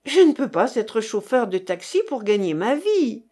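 A woman voicing a small, lively young Polish woman student with rolled R's. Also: fairly high pitch, moderate pace, husky. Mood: eager.

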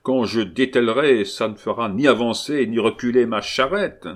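A man voicing an angry male carter who shouts and swears because he is stuck in a crowd. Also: mid-range voice, moderate pace, natural voice. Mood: exasperated shouting. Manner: exasperated, shouting oaths.

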